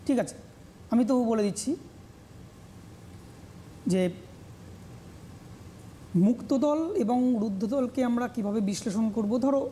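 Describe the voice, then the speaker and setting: A Bengali-accented woman teaching grammar on a TV lesson, slowly repeating words to drill their pronunciation. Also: on the high side, mellow, a little hiss or hum. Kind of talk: televised classroom lesson.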